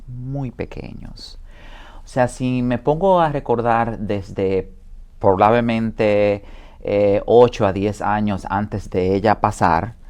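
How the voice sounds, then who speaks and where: A man's voice: mid-range voice, a little mellow, clean tone. A man in his forties from the Dominican Republic, a guest in an interview, speaking hesitantly with many fillers as he remembers. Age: 40s. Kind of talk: interview testimony.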